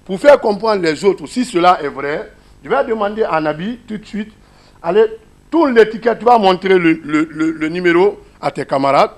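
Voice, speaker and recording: High-voiced Guinean French man teaching. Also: lively intonation, normal speed. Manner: explains step by step, asks listeners questions. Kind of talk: classroom teaching demonstration.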